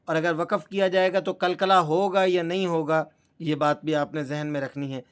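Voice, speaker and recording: A man's voice: fairly high pitch, level tone, clear, resonant tone. Patient man teaching Quran recitation. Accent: Pakistani Urdu. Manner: patient, explanatory, drawn-out recited examples. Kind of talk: step-by-step recitation lesson.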